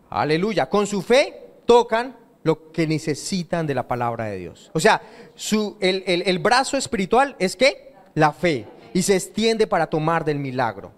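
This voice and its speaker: A man preaching a sermon in a church, asking the congregation questions and answering them himself. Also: fairly high pitch. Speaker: pastor.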